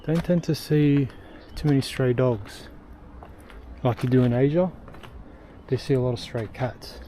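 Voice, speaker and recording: A young man narrates a travel vlog into a handheld camera as he hikes up a steep outdoor trail, short of breath. His voice is mellow and warm, and he rambles with plenty of ums and uhs. A faint hiss of outdoor noise sits behind him. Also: mid-range voice, unhurried. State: out of breath from hiking uphill. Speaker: travel vlogger. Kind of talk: casual walking vlog narration.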